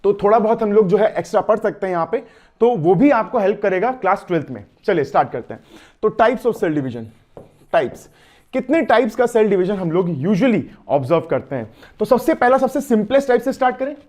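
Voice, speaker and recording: A male biology teacher with an Indian accent gives an exam-prep lecture in a fairly high voice. He talks in a chatty way, drifts between Hindi and English and keeps asking his students questions. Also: sing-song, a little fast, a little mellow.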